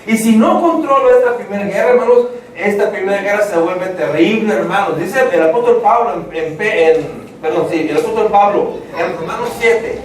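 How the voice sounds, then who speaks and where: Man, lively sermon to the congregation, very echoey church hall, faint background noise. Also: high voice, normal speed, few pauses, far from the mic. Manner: lively, acts out inner voices, addresses the congregation directly. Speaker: preacher. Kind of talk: evangelistic sermon.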